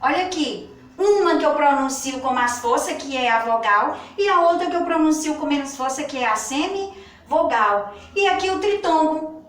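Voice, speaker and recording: A woman with a Brazilian Portuguese accent teaching a children's grammar lesson, speaking slowly and patiently and stretching out her words. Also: high-pitched, lively intonation. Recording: echoey room, far from the mic.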